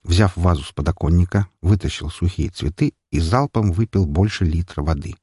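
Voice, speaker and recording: A man narrating an audiobook in an expressive, lively reading. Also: low-pitched, normal speed, breathy edge, dry recording, clean studio sound.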